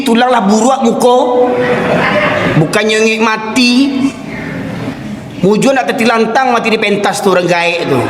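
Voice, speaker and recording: A man preaching a heated sermon with a Minangkabau accent, often raising his voice. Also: high-pitched. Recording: echoey hall with background noise.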